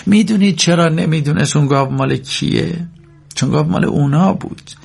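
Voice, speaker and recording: Man doing a sharp-tongued farm mother, raised pitch, husky gravelly edge, storybook reading. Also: exaggerated voice. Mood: scolding. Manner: sharp, complaining, at times tearful whisper. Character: proud anxious widowed farm mother, middle-aged.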